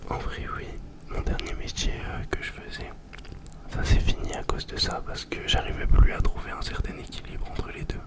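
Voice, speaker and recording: A young man doing ASMR, chatting informally in a breathy whisper right in the listener's ear, very close to the microphone. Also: normal speed. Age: young adult. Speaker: ASMR video host. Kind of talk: ASMR, informal question-and-answer chat.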